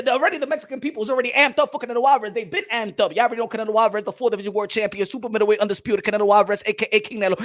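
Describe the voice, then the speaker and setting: A man hosting a casual boxing livestream, animated, swinging between loud outbursts and low mumbling, dropping Spanish phrases into his talk. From United States. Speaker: boxing commentator.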